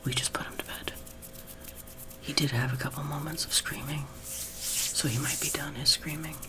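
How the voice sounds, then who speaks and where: A man's voice: on the high side, steady tone, moderate pace. Young man whispering ASMR right in your ear. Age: young adult. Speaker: ASMR video host. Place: small room at home, seated on a love seat. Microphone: sensitive high-gain close microphone.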